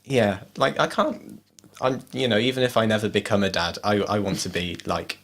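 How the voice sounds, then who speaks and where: A man's voice: lowish voice, normal speed, a bit bright. A man co-hosting a podcast, talking casually about an album and sometimes stumbling over words. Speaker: podcast co-host. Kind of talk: casual music review chat.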